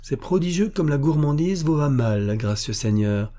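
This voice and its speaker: Sardonic young nobleman prisoner, raised and husky, read by a man. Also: mid-range voice, animated, normal speed, mellow, voice pushed up, lightly acted. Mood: mocking. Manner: sardonic, taunting.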